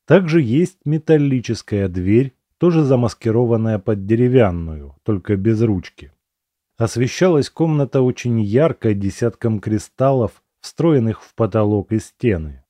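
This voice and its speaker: A man narrating a fantasy audiobook in the first person, in an even, measured storytelling manner. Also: medium pitch, dry recording.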